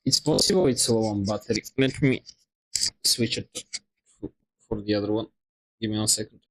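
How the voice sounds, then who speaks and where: A man's voice: lowish voice, moderate pace, slight background noise, low-quality recording. A man streaming while he paints, chatting casually and rambling in a self-deprecating way on a wireless lapel mic. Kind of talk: casual chat on a live stream. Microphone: wireless lapel microphone.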